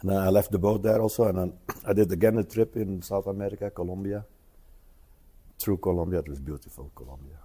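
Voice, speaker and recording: A man in his seventies, an interview guest, speaking hesitantly with many pauses and tag questions. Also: deep voice, steady tone, dark tone, breathy edge. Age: 70s. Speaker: interview guest, retired traveler. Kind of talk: casual conversational interview.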